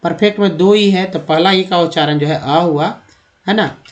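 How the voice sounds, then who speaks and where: A man teaching English pronunciation, asking and answering his own questions in a steady drilling rhythm. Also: high-pitched, moderate pace. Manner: addresses viewers as friends. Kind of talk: explaining with written examples on screen.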